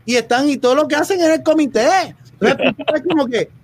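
A man's voice: very high-pitched, animated, brisk. A man, a guest in a casual podcast chat, joking and mimicking people.

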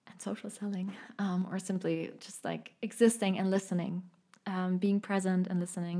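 Woman, German accent, podcast host; gentle, reflective delivery, gravelly fry in the voice. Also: medium pitch. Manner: reflective, gentle, thinking aloud with many fillers. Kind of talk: solo podcast monologue.

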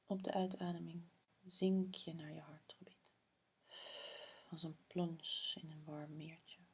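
Woman doing guided meditation, soft whispery spa voice, super breathy, barely moves in pitch, slow w long pauses. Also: steady tone.

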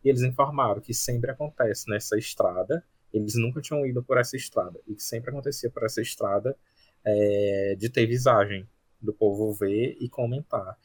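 A man with a husky voice tells a story on a podcast with lively, anecdotal energy. His pitch sits in a middle range. The recording is dry and close-miked. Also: moderate pace, no echo. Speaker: podcast co-host. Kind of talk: casual podcast chat.

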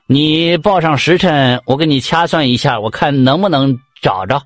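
A man's voice: fairly high pitch, no room sound, natural voice. A man voicing a sly, boastful village con man posing as a fortune teller, who stammers and drags his words out in a Northeastern Mandarin accent. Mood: scheming. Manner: stammering, drawn-out, fake mystical.

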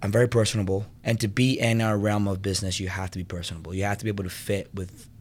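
A little hiss or hum sits under this young Venezuelan man's rapid-fire speech as he chats about his life on a podcast. The fitness business co-owner has a lowish, level voice and a personable style full of fillers.

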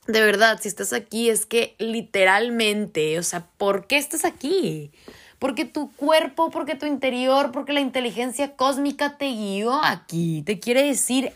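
Impassioned Mexican woman, higher voice. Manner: earnest, impassioned, slangy, many restarts. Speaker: podcast host. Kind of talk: casual motivational talk.

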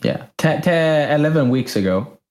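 A man, co-hosting a casual podcast into his microphone, relaxed and halting with frequent restarts. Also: on the high side. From Sweden. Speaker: podcast co-host.

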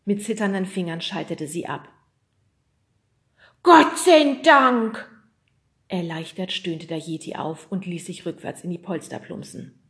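A woman's voice: fairly low pitch, fairly even intonation, normal speed. Woman reading a children's story. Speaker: audiobook narrator. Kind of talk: scripted narration.

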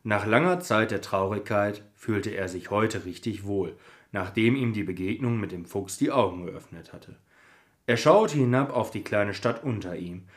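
A man co-hosting a podcast, chatting and then reading a Christmas story aloud while slightly tipsy, laughing and stumbling now and then. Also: lowish voice. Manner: chatty, laughing, reads with small slips. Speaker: podcast co-host.

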